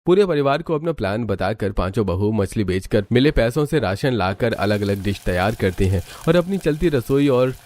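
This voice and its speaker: Low-voiced man narrating a cartoon story. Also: lively intonation, normal speed, hardly any pauses, darkish tone. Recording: clearly noisy background.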